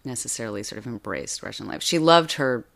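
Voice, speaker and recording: A woman's voice: very deep voice, expressive, fairly quick, creaky, a bit bright. A woman in her forties being interviewed about her writing, talking casually with many fillers and restarts. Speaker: author guest.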